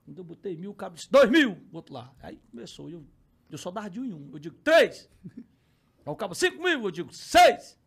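A man with a Cearense accent, a podcast guest telling a story, acting out voices and shouting the bids. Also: a little high, fast talker, gravelly, husky. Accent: Cearense Brazilian Portuguese. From Ceará, Brazil. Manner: acts out others' voices, shouts bids, laughs while telling. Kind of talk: animated storytelling.

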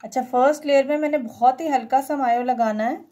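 Speaking briskly in a high voice with a dark tone, a woman guides listeners through a homemade recipe. She's casual yet instructive, sprinkling in English words throughout this step-by-step cooking voice-over.

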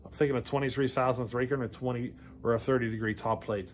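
A man in his forties talks chainsaw chains to the camera inside his garage workshop. His voice sits in an ordinary middle pitch, and he rambles, backtracks and keeps checking in with "you know what I mean". Faint crickets chirp in the background. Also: steady tone, fast talker, a little hiss or hum. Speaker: chainsaw channel host. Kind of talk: casual shop talk to camera.

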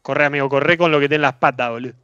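A man with a Rioplatense Spanish accent giving excitable live gameplay commentary as a streamer, swearing casually and repeating his phrases. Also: medium pitch, rapid-fire, smooth, no room sound, lo-fi sound.

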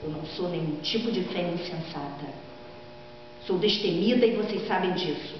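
A woman's voice: lowish voice, lightly acted. A woman performing a proud, vengeful, gloating queen in a theatrical, declamatory reading of Greek tragedy. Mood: defiant, indignant. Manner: theatrical, declamatory, emphatic dramatic reading with drawn-out phrases. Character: proud, vengeful queen who killed her husband, defiant and gloating. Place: large classroom or lecture room, indoors. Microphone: far camera microphone. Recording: echoey hall from afar, dull sound, mains hum.

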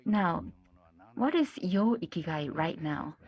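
A woman's voice: lowish voice, lively intonation, slow, creaky, breathy edge. A woman working as a simultaneous interpreter, voicing questions into English as an interpretation voice-over on a video call. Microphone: video call interpretation channel. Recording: dull lo-fi video call audio.

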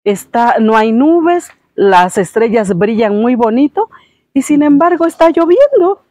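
A tiny swallow from a storybook, shrill and wide-eyed, calling out in high exclamations, as a woman puts it on. The voice sits bright and high, close and dry with no room around it. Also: big pitch swings, measured pace, no echo. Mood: puzzled. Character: small swallow, amazed and tender.

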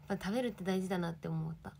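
A woman's voice: fairly low pitch, very fast, gravelly, background noise. A young woman in her twenties, an idol livestreaming, chatting casually and reading viewer comments with giggly, bubbly energy.

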